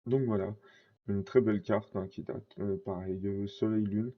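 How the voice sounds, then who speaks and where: A man's voice: lowish voice, steady tone, normal speed, muffled recording. A man chatting casually while showing his card collection, rambling with lots of fillers and self-corrections. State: scratchy throat.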